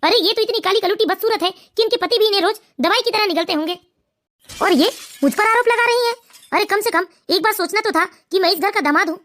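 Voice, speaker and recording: A woman's voice: very high voice, brisk, a bit bright. A woman voicing a smug, mocking young son-in-law in a cartoon family story. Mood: sneering.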